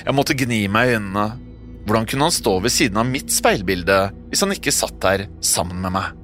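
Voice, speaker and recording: A man's voice: lowish voice, expressive. A man reading a first-person horror story aloud, telling it expressively. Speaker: narrator. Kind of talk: scripted horror narration. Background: soft music.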